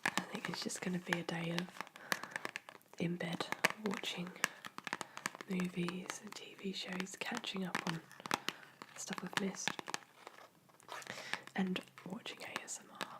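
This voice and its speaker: A woman whispering softly and caringly in an ASMR chat, her throat sore and dry from a cold. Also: fairly low pitch, level tone, measured pace, long pauses, heavy background noise. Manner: soft, intimate, caring whisper. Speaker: ASMR creator. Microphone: close microphone.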